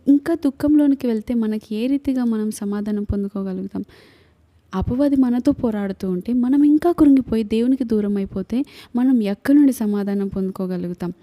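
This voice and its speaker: A woman's voice: on the high side, mellow. A woman with a Telugu accent, preaching an earnest sermon full of repeated lists and rhetorical questions.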